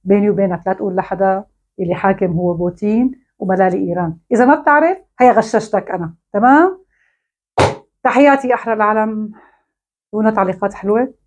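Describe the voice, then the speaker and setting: A woman's voice: mid-range voice, fast talker, darkish tone, slight background noise. A woman with a Syrian Arabic accent, delivering a mocking, scolding monologue straight to camera. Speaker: online commentator.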